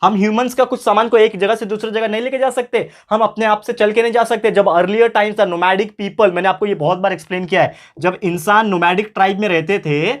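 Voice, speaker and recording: A male tutor from India giving a classroom lecture, repeating key phrases slowly and asking his students questions. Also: high-pitched, steady tone. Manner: mixes English phrases into speech.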